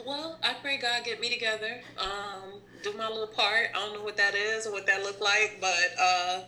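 A woman in her thirties hosting a casual chat, animated and quick to laugh, with loose slangy speech. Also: mid-range voice. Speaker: podcast host.

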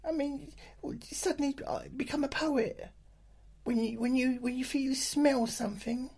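A man voicing a nagging ogre's wife in a high falsetto, ranting. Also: fairly even intonation, moderate pace, gravelly, a little mellow, husky, exaggerated voice. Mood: exasperated nagging. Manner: ranting, ad-libbed complaints in falsetto. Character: nagging old ogre's wife, shrill and scolding.

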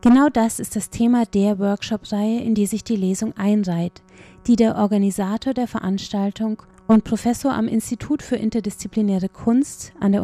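A woman's voice: mid-range voice, warm tone. A woman reading a scripted cultural report as a radio reporter.

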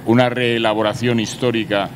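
Tentative man with a Spain accent, medium pitch. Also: little pitch movement, normal speed, slight background noise. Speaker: discussion participant. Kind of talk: unscripted panel discussion.

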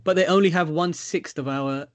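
A man's voice: on the high side, fairly quick. A British man co-hosting in casual banter with dry, teasing humour. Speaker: podcast co-host.

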